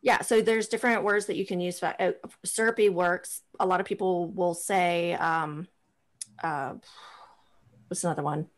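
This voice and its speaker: A woman's voice: fairly low pitch, fairly even intonation, moderate pace. A woman co-hosting a casual podcast, leading a whiskey tasting and talking in a loose, chatty way full of "like" and restarts. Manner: chatty, lots of "like" and restarts while describing flavors. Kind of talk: casual chat.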